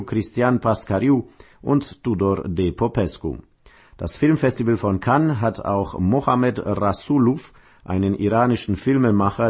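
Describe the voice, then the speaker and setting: A man hosting a radio programme and reading scripted news in a husky voice. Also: fairly low pitch, a little mellow. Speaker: radio host and newsreader.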